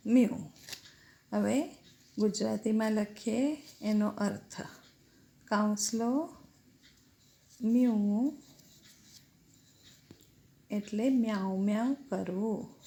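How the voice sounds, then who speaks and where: Slow, gravelly woman teacher dictating. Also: mid-range voice, warm tone. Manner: slow, deliberate, spells out words letter by letter. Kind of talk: slow dictation lesson for children.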